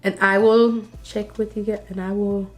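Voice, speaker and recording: With faint music behind her, a congested vlogger in her thirties rambles casually to camera, sighing and coughing along the way. Her mid-range voice is delivered flatly at a normal speed.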